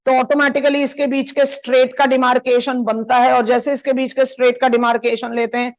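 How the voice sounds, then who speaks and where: Her pitch high and barely moving, an Indian-accented woman runs a live geography map lesson online, alternating between English and Hindi. She draws on the map while explaining and pronounces key place names slowly and deliberately. The recording is rough.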